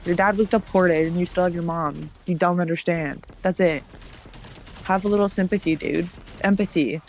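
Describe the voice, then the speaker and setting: A woman's voice: on the low side, steady tone, normal speed, slight background noise. A woman streamer telling a long story in casual chat. She acts out the other people's lines and swears often.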